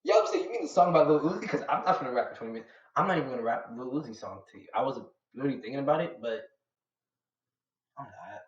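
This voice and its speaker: A man's voice: medium pitch, lively intonation, fast talker. Slangy young man chatting in a roomy space. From Atlanta, USA. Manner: slangy, rambling and chatty, talks back to chat. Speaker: live streamer reacting to manga. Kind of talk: casual live-stream chat. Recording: roomy, slightly dull home setup.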